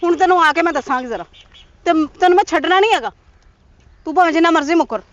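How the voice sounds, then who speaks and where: A woman playing a loud older village woman who claims a man married her, talking outdoors. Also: lively intonation, racing, dull audio. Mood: accusing. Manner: shrill, wails to passersby for attention.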